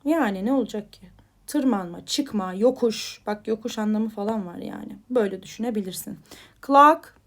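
A woman teaching English vocabulary to Turkish learners in a chatty, informal way. She says each headword with a lift and then explains it more quietly, checking in with "tamam mı?". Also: medium pitch, normal speed. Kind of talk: vocabulary lesson.

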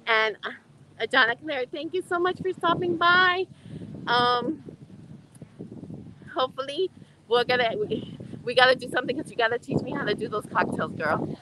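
A woman in her fifties hosting a chatty live shopping stream from inside a store, gushing and excitable, laughing often and greeting viewers by name. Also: high-pitched, moderate pace, pauses often, background noise. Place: indoor retail shop.

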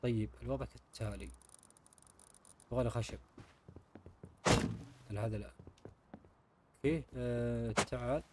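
A man's voice: medium pitch, fairly even intonation, moderate pace, pauses often, heavy background noise. A man hosting his gaming channel, chatting casually to viewers while he plays. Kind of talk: casual game commentary.

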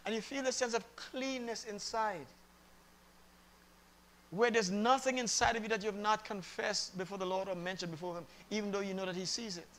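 A man's voice: high voice, fairly even intonation, a little fast, a bit bright. A man preaching a sermon in a conversational way, repeating phrases and laughing often.

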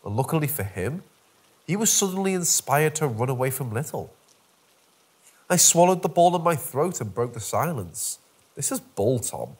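Husky man narrating a horror story. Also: a little high, expressive, moderate pace. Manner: wry, dark-humoured storytelling. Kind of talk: scripted first-person horror narration.

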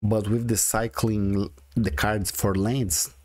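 This forties-aged gaming video creator speaks with a strong Brazilian Portuguese accent, thinking aloud and chatting as he comments casually on his own card game. The lowish voice stays level and slow, captured dry at studio quality.

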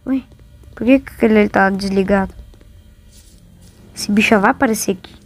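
A woman's voice: mid-range voice, a little fast. A woman with a Brazilian accent giving casual, exclamatory, complaining commentary as a gamer playing along.

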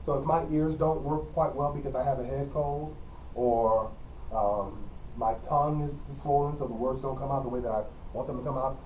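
This middle-aged college lecturer has a mid-range, slightly mellow voice and a Midwestern American accent as he teaches communication to an empty room. His style is plain and teacherly, with repeated key points and frequent coughing. Recorded on a camera mic from across the classroom, which has a whiteboard and an air conditioner, the sound is distant and roomy, carrying a faint hum.

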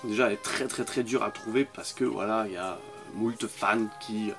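A man's voice: on the low side, moderate pace, creaky, a bit bright, faint music behind. A man with a French accent giving casual, enthusiastic commentary on toy cars from his collection, often repeating words for emphasis. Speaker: toy car collector vlogger.

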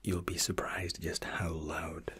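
A man's voice: sits low, flat delivery, slow pace, bright, forceful tone, slightly rough, full character voice. A man in his thirties in a whispered role-play as an attentive, reassuring first-class flight attendant with formal, soothing service patter.

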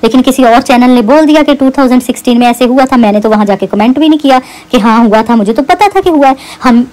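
A woman's voice: high voice, fast, darkish tone, poor audio. A woman YouTuber, delivering a heated, mocking rant to camera against a rival and repeating her jabs.

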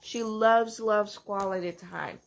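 Slow, soft-spoken young mom. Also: female voice, mid-range voice, creaky. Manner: soft-spoken, many fillers, candid. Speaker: mom vlogger. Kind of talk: casual vlog talk.

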